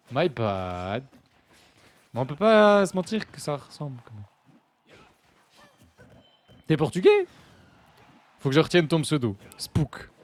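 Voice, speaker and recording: A young man from France works as an esports commentator and stream host, casually calling a live fighting-game match while joking with his chat and flaring up in sudden bursts of excitement. His pitch is medium.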